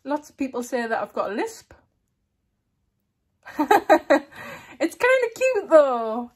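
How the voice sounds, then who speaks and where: In a small room, a young woman vlogs casually, her high voice swinging widely in pitch as she takes things slowly. She giggles now and then and has a slight lisp from a lip plate.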